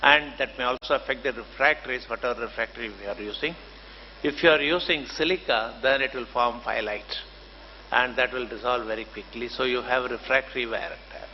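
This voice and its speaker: Older indian guy giving a formal talk, courteous and halting, boomy hall, kinda muffled. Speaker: professor and conference speaker. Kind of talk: formal conference lecture. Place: large conference hall. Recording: dull, noisy hall microphone, long reverb.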